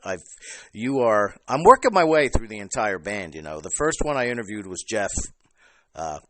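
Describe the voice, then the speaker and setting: A man hosting a podcast interview, chatting casually and halting with fillers and restarts. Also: lowish voice, big pitch swings. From New Jersey. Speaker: podcast host.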